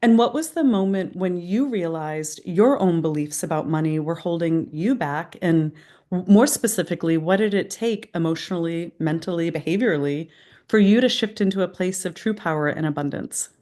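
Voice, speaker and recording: A woman's voice: fairly low pitch, moderate pace, dark tone. A woman hosting an interview in an earnest, inspirational way, her speech slightly impeded by a new dental retainer. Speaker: interview host. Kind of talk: warm-up introduction and interview questions, partly scripted.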